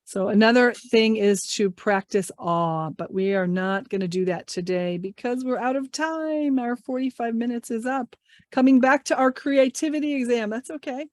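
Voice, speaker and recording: Over a video call mic, a woman teaching English hosts an online workshop, cheerfully encouraging participants and posing lots of questions to them. Her fairly high voice has a darkish tone and normal pace, with no room sound.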